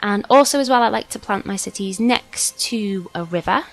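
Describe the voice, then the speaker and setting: A woman's voice: medium pitch, normal speed, soft background music, poor audio. A woman with a slight sniffle gives casual, hesitant let's play commentary, explaining things informally as she goes. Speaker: gaming video host.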